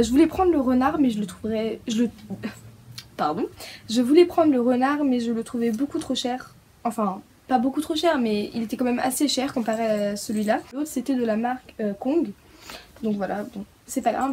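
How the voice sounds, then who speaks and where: A woman from France talks through a haul of puppy gear in a casual, hesitant way. She fills her pauses and lets small giggles slip in. Her voice sits a touch high over a light hiss. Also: dark tone. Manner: hesitant, many fillers, giggly. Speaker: pet vlogger.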